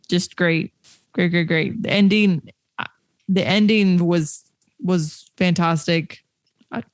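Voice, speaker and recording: Enthusiastic low-voiced woman. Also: smooth, no room sound. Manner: enthusiastic, repeats words for emphasis. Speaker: podcast co-host. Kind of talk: casual movie review chat.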